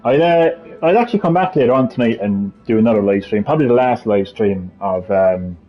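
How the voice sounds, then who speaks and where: Animated and fairly quick, a man with a lowish voice and a Cork Irish accent hosts a live stream, ranting, joking and swearing throughout. Faint music sits behind the slightly muffled audio.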